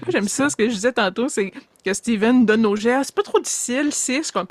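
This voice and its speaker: A woman's voice: fairly high pitch, fairly quick, no echo. A woman playing a tabletop game, talking in a casual, chatty way. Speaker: player. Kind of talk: tabletop role-play talk.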